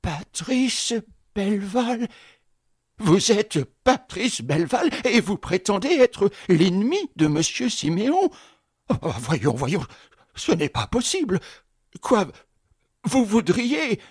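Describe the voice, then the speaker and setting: A man voicing a frightened old concierge who stammers and asks shrill, disbelieving questions, in an audiobook reading. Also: huge pitch swings, takes it slowly, long pauses, husky, no echo, studio quality, exaggerated voice. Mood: incredulous. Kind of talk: audiobook character voice.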